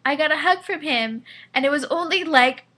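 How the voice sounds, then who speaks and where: A young woman in her twenties talks at home after a night out, a little drunk and excitable. Her voice is bright and tense. She rambles, trails off and restarts, filling gaps with ums. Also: high-pitched, moderate pace. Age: 20s. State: tipsy. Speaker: vlogger reviewing a concert. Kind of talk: casual rambling review. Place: indoors at home.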